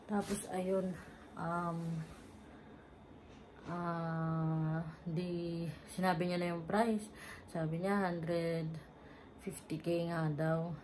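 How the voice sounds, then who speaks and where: A woman's voice: lowish voice, flat delivery, extremely slow, pauses often, darkish tone, a little hiss or hum. A young woman from the Philippines, telling a travel story in a casual vlog, chatty and laughing often, mixing in English words. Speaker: travel vlogger.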